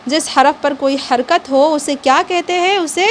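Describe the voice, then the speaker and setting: High-voiced woman teaching syllables slowly. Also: a little hiss or hum. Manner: patient, repeats "theek hai", sounds out syllables slowly. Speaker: Quran reading teacher. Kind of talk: online reading lesson.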